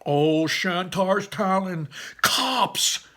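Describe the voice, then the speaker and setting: A man voicing a shy, nervous teenage elf boy in a read-aloud story, with a high, strained voice. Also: animated, extremely slow, pushed and bright, full character voice. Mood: alarmed.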